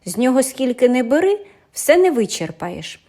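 A woman voicing a mysterious man in a night carriage, offering magic gifts in a measured, solemn way. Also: high-pitched, sing-song, warm tone, pitched above the performer's own voice.

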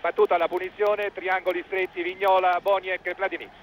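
A man's voice: high voice, flat delivery, brisk, slight background noise. An Italian man giving live football match commentary in clipped phrases, rising with the play, on an old television broadcast.

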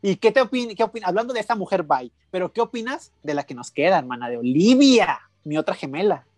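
A man co-hosting a casual show review, chatty and gossipy, quick to agree. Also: high voice, big pitch swings, no echo. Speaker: co-host reviewing a reality show. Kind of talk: casual chat.

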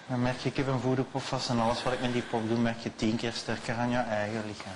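A man working as a stage hypnotist, repeating slow, soothing suggestions and often dropping his voice to a hush. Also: mid-range voice, flat delivery, noisy background. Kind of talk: hypnosis show patter.

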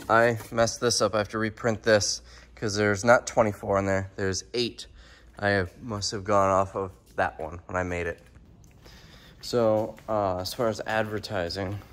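With a lowish voice, a young American man runs a warehouse sale and chats about it casually in a vlog, recording himself on a phone held at arm's length. His talk is rambling and matter-of-fact as he keeps working, indoors in the warehouse and outside near the road.

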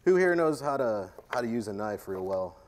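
On a conference stage, a chef delivers a live cooking demo keynote in a sing-song, medium-pitched voice at normal speed. His manner is joking, chatty, self-deprecating and playful toward the crowd.

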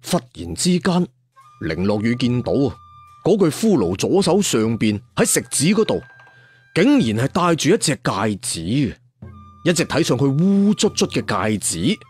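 A male storyteller with a lively pitch and a breathy edge delivers a colloquial, dramatic scripted fantasy tale. He is animated and chatty, with storyteller asides and drawn-out particles, and music plays behind his voice.

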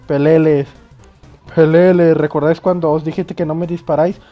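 A man's voice: on the high side, flat delivery, normal speed, muffled recording, soft background music, lightly acted. A man voicing a furious ranting male ghost dummy from a video game. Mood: angry. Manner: shouting insults, reading game text aloud.

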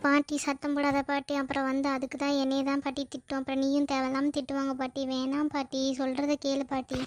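A woman voicing a resigned high-voiced village sister. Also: completely flat delivery, fast talker, soft background music, close to an everyday voice. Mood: pleading. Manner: pleading, resigned, repeats the word paatti.

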